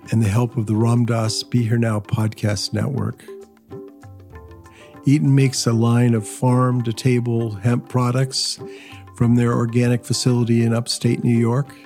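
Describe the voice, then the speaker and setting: Mellow, even-toned male podcast host. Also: mid-range voice. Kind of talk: scripted outro narration and sponsor read.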